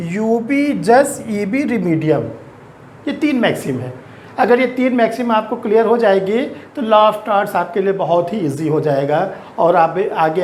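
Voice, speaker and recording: A middle-aged Indian-accented man with a high voice gives a law lecture geared toward exams, slowly drawing out key terms and mixing in English legal vocabulary. There's a slight hiss or hum on the recording.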